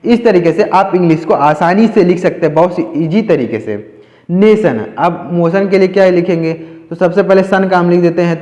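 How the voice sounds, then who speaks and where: A man teaching English spelling to beginners, slowly and repetitively spelling out words letter by letter. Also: on the high side, darkish tone, reverberant, big-room sound, dull audio.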